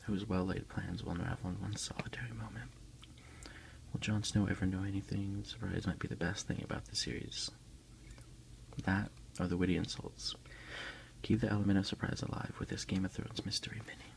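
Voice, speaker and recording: In a low, creaky whisper held close to the mic, a male ASMR creator takes his time reading aloud and commenting during an unboxing. His tone stays steady throughout.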